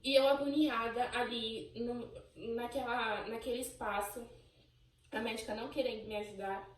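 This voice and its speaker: A young Brazilian woman telling her own story on her channel in an emotional, animated way, acting out what people said. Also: on the high side, moderate pace, roomy sound, far from the mic, poor audio. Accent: Brazilian Portuguese. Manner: emotional, animated storytelling, voicing remembered exchanges. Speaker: channel host. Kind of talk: personal birth story vlog.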